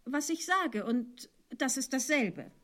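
A man voicing a polite, curious young girl in a storybook reading, in a high put-on voice. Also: animated, slow, bright, forceful tone, full character voice. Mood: earnest. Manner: earnest, polite.

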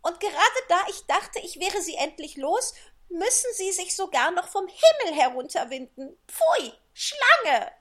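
A man voicing a fretful, shrill female pigeon guarding her eggs in a storybook reading. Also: sing-song, unhurried, a bit bright, exaggerated voice. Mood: aggrieved scolding. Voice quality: shrill, scolding.

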